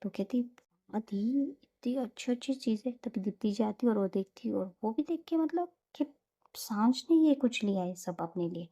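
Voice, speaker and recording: A woman tells a romance story in a loose, chatty way, full of fillers. Her voice is very dark and mellow, with a gravelly, husky edge. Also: medium pitch, normal speed. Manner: relaxed, chatty retelling with many fillers. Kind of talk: casual narration of a romance story.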